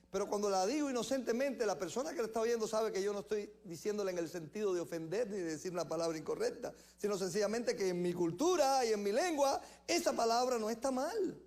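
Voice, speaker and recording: A man's voice: high voice, a little fast, a little mellow. A man with a Cuban accent, a pastor preaching a sermon in a church service, telling anecdotes in a joking way. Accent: Cuban Spanish. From Cuba. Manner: anecdotal, joking, laughs often.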